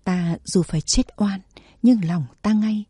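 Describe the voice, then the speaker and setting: Proud woman warlord read by a woman, solemn, low and mellow, dry close sound. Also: unhurried, husky, no room sound. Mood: defiant. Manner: defiant, solemn speech. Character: proud fearless woman general of old. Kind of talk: storybook narration.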